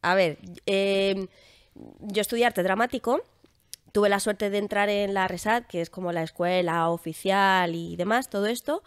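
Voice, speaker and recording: Young woman, casual podcast guest, lively, chatty, dry close sound. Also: mid-range voice, normal speed, clear, resonant tone, no echo. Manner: lively, chatty, laughs often. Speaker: guest actress.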